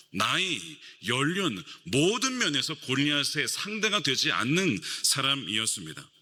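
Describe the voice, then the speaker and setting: A man's voice: fairly high pitch, bright, forceful tone, slightly rough, big-room sound. A middle-aged man preaching a sermon as pastor, emphatic and asking rhetorical questions of the congregation in a church sanctuary.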